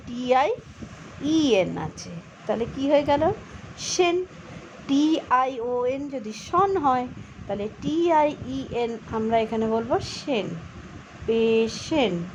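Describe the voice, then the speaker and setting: A woman teaching children to read English, reading each line very slowly and then explaining spelling and pronunciation. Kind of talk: bilingual reading lesson for children. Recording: slightly dull low-fi recording with faint background noise.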